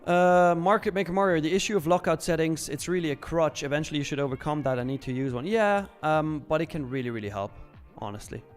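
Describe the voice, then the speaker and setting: Soft music plays behind a Swiss livestream host who comments on trades and answers viewers in a casual, frank, informal manner, often repeating phrases. He has a clean-toned, slightly high voice and talks fast with few pauses.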